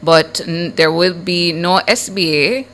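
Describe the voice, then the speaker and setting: A woman in her thirties chats on morning radio. Her voice is low and lively, and she teases her co-host. A faint noise sits under the talk. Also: unhurried. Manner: chatty, animated, teasing. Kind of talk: casual radio chat.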